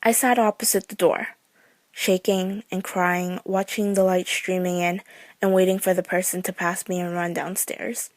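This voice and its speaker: A woman reading out a true scary story in a measured, suspenseful way. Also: fairly low pitch, little pitch movement, a little mellow, no room sound. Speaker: horror story narrator.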